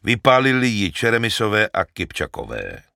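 A man's voice: lowish voice, huge pitch swings, gravelly, pushed and bright, dry recording, studio quality, pitched above the performer's own voice, heavily acted. A man reading a weary young warrior. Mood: earnest. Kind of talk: audiobook character reading.

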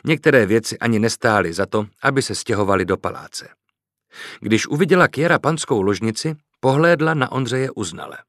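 A man reading a historical novel as an audiobook in measured storytelling. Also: medium pitch, animated, fairly bright tone, dry recording, clean studio sound. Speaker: audiobook narrator. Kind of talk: scripted narration.

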